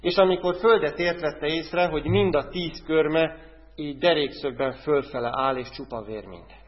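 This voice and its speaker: A male preacher giving a sermon, who keeps asking his listeners direct questions and swings between loud, urgent lines and hushed ones. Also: on the high side. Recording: dull sound with a long hall echo.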